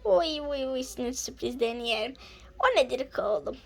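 A woman's voice: sits high, lively intonation, a little fast, gravelly, exaggerated voice. A woman voicing a fussing, doting old grandmother who croons "oy oy" over her grandchildren. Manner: crooning "oy oy", smothering with affection.

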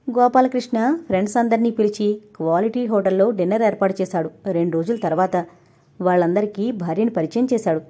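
Woman narrator for a novel audiobook, warm mellow tone, reads the dialogue herself with light shifts. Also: medium pitch.

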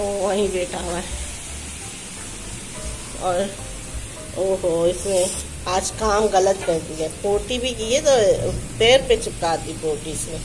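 Filming her apartment by a window on a handheld phone, a woman in her thirties with a sore throat chats, laughs often and talks to her viewers in a casual home vlog. Her voice is medium-pitched, and the low-quality phone recording is filled with loud rain noise from outside.

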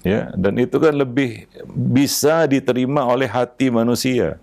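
A man giving a religious lecture on raising children, unhurried and measured, with an Indonesian accent, often dropping a soft "ya" between phrases. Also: medium pitch, creaky. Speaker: Islamic preacher.

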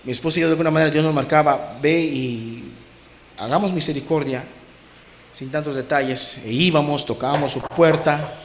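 A middle-aged male pastor preaching with passion, his fairly high voice dropping soft and then rising loud to stress a point. The recording has a roomy echo. He talks straight to the congregation. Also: fairly even intonation, quick pace, a little hiss or hum. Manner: impassioned, swings from soft to loud emphasis. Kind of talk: sermon.

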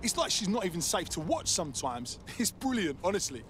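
A man's voice: high-pitched, sing-song, fairly quick, a bit bright, slight background noise. An actor playing a pushy, swearing male fight club recruiter in a video game. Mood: goading.

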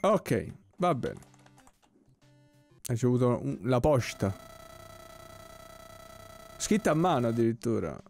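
A man giving casual let's-play commentary, relaxed and puzzled, with joking asides about what happens on screen. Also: medium pitch, slow, creaky, long pauses. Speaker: gameplay commentator. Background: soft game music.

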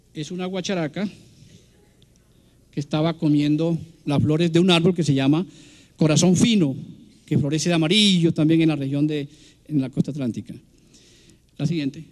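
A man, a biologist giving a public science lecture over slides, explaining in a halting way with fillers and restarts. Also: high voice. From Colombia. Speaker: biologist guest speaker. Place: large public event hall.

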